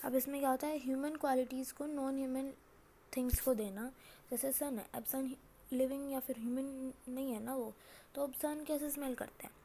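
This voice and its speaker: A woman explains a lesson in a high, mellow voice. She poses questions and answers them herself, reading each example out slowly. A faint hiss of noise sits under the recording. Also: fairly even intonation. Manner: asks and answers her own questions, reads examples slowly. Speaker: teacher. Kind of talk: classroom lesson.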